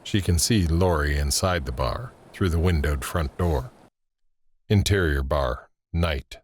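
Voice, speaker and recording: A man with an extremely low voice narrates an audio drama, reading scripted scene headings and action as a storyteller setting each moment. His pace is measured, and a little hiss or hum is present.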